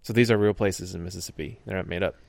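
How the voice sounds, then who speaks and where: A man's voice: low voice, steady tone, fast talker, gravelly, a little mellow, no room sound. A man in casual chat about a film, thoughtful and searching for words with frequent fillers. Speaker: podcast co-host discussing a film.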